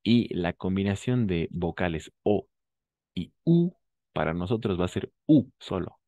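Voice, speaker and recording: A man with a deep, low voice teaches a French class. He explains pronunciation patiently, saying example words slowly and stopping often to check that students follow. The recording is close and dry, with no room sound. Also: animated, mellow, no room sound.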